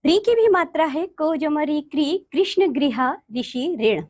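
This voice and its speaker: A woman teaching a grammar lesson to children, slowly spelling out letters and speaking to them directly. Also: sits high, lively intonation, a little mellow. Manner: slow, deliberate spelling-out of letters.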